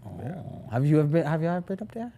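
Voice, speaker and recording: A man's voice: a little high, a little hiss or hum. A man hosting a podcast in casual chat, joking around and laughing easily. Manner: animated, joking and quick to laugh.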